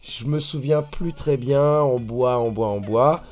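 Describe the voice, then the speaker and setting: A man, a sailor guest on a podcast, telling a long anecdote in a relaxed, laid-back way. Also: medium pitch, measured pace. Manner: relaxed storyteller, laid-back, many fillers.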